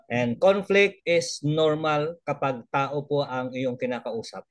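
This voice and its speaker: A man's voice: a little high, slow, no room sound. A man, sharing a report in a casual video-call talk, mixing in English, chuckling and restarting his phrases. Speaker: elder trainee sharing a report.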